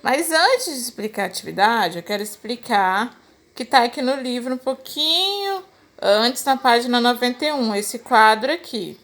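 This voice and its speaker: A woman's voice: fairly high pitch, expressive, normal speed, a bit bright. A Brazilian woman teacher explaining a lesson to children patiently, step by step. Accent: Brazilian Portuguese. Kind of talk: recorded remote lesson for children.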